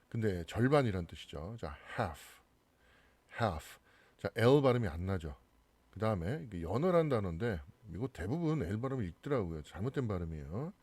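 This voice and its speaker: A man's voice: deep voice, darkish tone, husky, no echo. A man with a Korean accent teaching English pronunciation, patiently explaining and repeating each word twice. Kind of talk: classroom pronunciation lesson.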